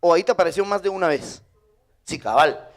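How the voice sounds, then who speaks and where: A Guatemalan man preaching a sermon as pastor, lively, with sudden high emphatic bursts. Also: fairly quick. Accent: Guatemalan Spanish.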